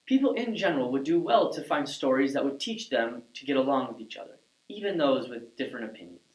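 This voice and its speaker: A cocky, boyish flying hero reads the news in a casual, offhand way, as a performer plays him. The voice sits mid-pitch and comes from a distance. There is a lot of room echo around it. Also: lively intonation, quick pace, close to an everyday voice. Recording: echoey room, off-mic.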